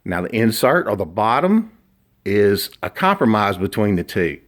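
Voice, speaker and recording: A middle-aged man explaining and demonstrating handmade products informally, in a deliberate, emphatic and opinionated manner. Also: fairly low pitch, very animated. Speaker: duck call maker.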